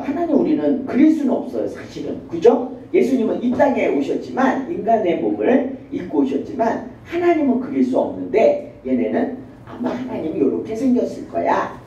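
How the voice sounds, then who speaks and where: Lively woman professor in an echoey hall. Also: on the high side, moderate pace, distant mic, slight background noise. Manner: animated, acts out children and mothers. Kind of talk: university lecture. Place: classroom. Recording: echoey lo-fi classroom recording from afar.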